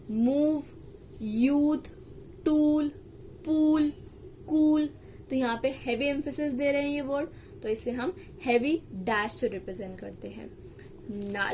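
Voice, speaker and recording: A woman teaching shorthand in a slow, explanatory lesson, repeating each example word. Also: high-pitched, a little mellow, slight background noise. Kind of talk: step-by-step lesson.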